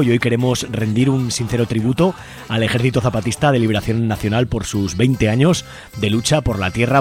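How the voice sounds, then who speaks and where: Hosting a community radio program from a busy studio, a Spaniard with a mid-range, darkish voice keeps things loose and jokey. Faint music plays behind his informal chatter.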